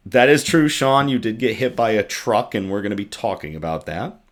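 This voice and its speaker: Speaking into a desktop USB mic from his home setup, a man with a raspy, tired voice casually hosts a good-news livestream. His pitch is fairly low and his pace brisk as he chats loosely, drops plenty of ums, and reads viewer comments aloud.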